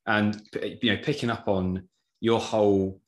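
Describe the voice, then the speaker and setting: A man hosting an interview, asking open questions and encouraging his guest with steady "mm"s. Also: fairly low pitch, measured pace. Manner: encouraging, frequent "mm" backchannels. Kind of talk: casual interview chat.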